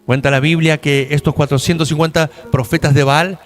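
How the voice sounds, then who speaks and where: A male pastor preaching with a high voice and a dramatic storyteller's delivery, pressing his listeners with rhetorical questions. Faint music plays behind him. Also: fairly even intonation, moderate pace. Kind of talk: sermon.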